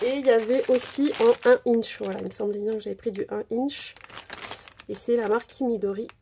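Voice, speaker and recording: Briskly narrating a craft supply haul at her table, this vlogger of Portuguese descent is chatty but hesitant, using many fillers, while a camera above shows only her hands. Her fairly high voice is steady and creaky, with background noise.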